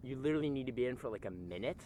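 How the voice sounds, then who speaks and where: A man's voice: mid-range voice, expressive, rapid-fire, mellow, a little hiss or hum. Young man talking from ice-cold water. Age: young adult. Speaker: interviewed cold-plunge enthusiast. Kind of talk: casual conversational explaining. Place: outdoors in a frozen lake.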